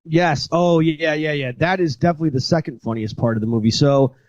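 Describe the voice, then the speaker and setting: A man's voice: fairly high pitch, brisk, dry recording, muffled recording. A man hosting a podcast, casually retelling a horror movie with many fillers and restarts. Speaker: podcast host. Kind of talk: casual chat.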